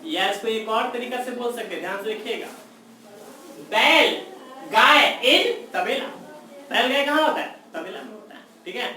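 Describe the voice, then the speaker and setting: A man teaching chemistry in a classroom lecture, slowly repeating memory tricks and checking in with his students. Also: high-pitched, sharp tone. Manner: repeats mnemonics slowly, checks in with "theek hai". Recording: far-off echoey room with faint noise.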